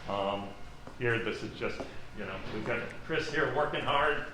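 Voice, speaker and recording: A middle-aged man with a medium-pitched voice gives an informal guided tour of a large indoor warehouse, talking at a moderate pace through a face mask. Noisy warehouse ambience fills the recording.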